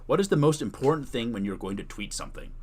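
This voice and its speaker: Speaking quickly in a mid-range voice, this man has lively intonation and a slightly mellow, breathy edge. He's a livestreamer giving a tutorial, answering chat questions off the cuff as he thinks aloud and rephrases.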